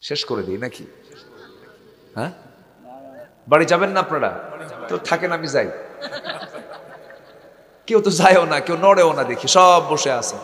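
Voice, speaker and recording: A man with a northern Bangladeshi accent from Bogura preaching a waz sermon to a live crowd, swinging from soft to shouted and calling on them to answer back. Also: fairly high pitch, animated, unhurried, long pauses. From Bogura district, Bangladesh. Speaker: Islamic preacher. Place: religious gathering to a live crowd. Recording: echoey loudspeaker sound with long reverb.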